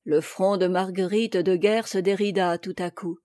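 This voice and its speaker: A woman narrating a classic tale as an audiobook reader, measured and calm. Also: medium pitch, no echo, clean studio sound. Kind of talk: scripted narration.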